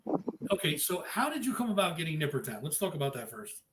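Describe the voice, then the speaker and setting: A man hosting a live-streamed interview, upbeat and chatty, giving shout-outs to viewers. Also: fairly high pitch, sing-song, fast talker. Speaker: podcast host. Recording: echoey room with faint noise.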